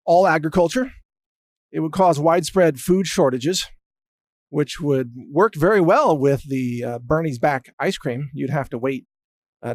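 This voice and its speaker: A male host delivers a sarcastic political monologue with a fairly high voice. His sound is close and dry, with no room around it. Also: a little mellow, dry recording. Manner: sarcastic, mocking.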